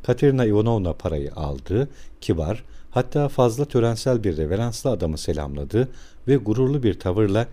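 A man narrating an audiobook in a measured storytelling manner. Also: fairly low pitch, very animated, warm tone. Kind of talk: scripted narration.

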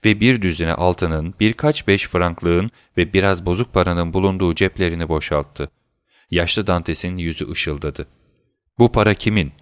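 A man narrating a classic novel aloud, calm and measured. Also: deep voice, clear, resonant tone, no echo, studio quality. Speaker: audiobook narrator.

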